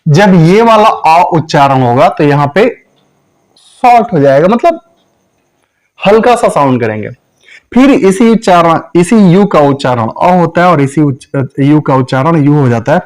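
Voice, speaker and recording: A man who speaks teaches English pronunciation in a video lesson, with a voice sitting a little above the usual male range. He talks slowly and deliberately, going over each point more than once and drawing out every sample sound. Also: a little high, animated, a little mellow, rough recording.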